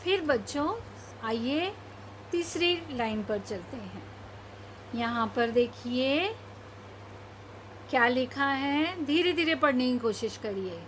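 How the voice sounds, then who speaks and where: A woman teacher leads a children's reading lesson in a bright, high voice, stretching every word out very slowly before explaining it. A faint hiss of room ambience sits under her speech. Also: expressive. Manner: drawn-out word-by-word reading, then quick explanations. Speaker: primary school Hindi teacher.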